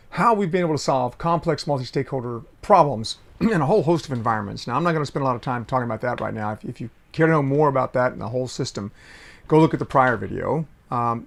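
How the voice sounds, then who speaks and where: A middle-aged man explains a method in a relaxed, talking-head lesson. He speaks from a small sailboat cabin, restarting sentences often and clearing his throat now and then. His voice sits at an ordinary pitch for a man. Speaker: consultant teaching systems mapping.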